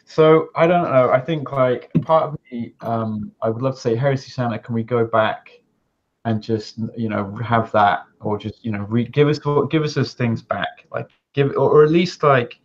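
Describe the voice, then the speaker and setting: Animated British man, dull lo-fi audio. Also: medium pitch, a little hiss or hum. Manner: animated, profane, playfully indignant. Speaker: podcast co-host. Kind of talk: casual podcast chat.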